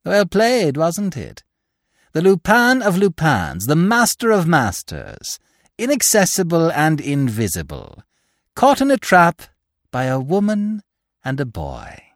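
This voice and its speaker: A man's voice: mid-range voice, big pitch swings, measured pace, creaky, dry recording, studio quality, voice pushed up, heavily acted. A man voicing a gloating vengeful widow. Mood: triumphant. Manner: gloating, syllables stressed.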